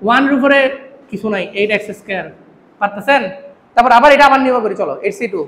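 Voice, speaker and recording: A man's voice: extremely high pitch, quick pace, fairly bright tone. A man teaching a math class, constantly quizzing his students with questions. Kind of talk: classroom lecture. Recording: echoey room, faint hum.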